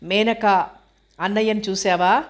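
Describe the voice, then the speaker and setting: A woman reading an audio novel aloud, voicing a knowing young woman who warns and teases her hostel mate in a flat, even tone. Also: medium pitch, unhurried, lightly acted. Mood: teasing warning.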